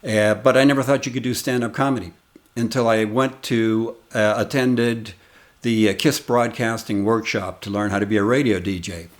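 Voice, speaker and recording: On his own channel, a US comedian in his sixties wanders through a relaxed, nostalgic tale of how he got started. His lowish voice holds a steady tone as the unhurried anecdotes ramble on.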